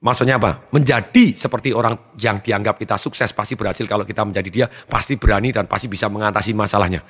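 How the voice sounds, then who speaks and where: Fast-talking energetic male trainer. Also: fairly low pitch, slightly rough, in a large hall. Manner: energetic, acts out his students' lines. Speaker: motivational trainer. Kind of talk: seminar talk.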